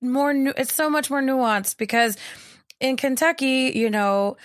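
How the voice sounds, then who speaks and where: A woman's voice: high-pitched, unhurried. A young adult woman co-hosting a podcast in casual chat, talking frankly, swearing freely and laughing often. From born in Germany, raised in the US. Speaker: podcast co-host.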